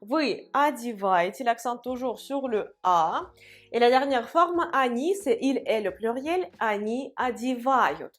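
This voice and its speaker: A woman's voice: a little high, expressive, takes it slowly, faint music behind. A woman with a Russian accent teaching a language lesson, explaining rules and saying each form twice for learners to repeat.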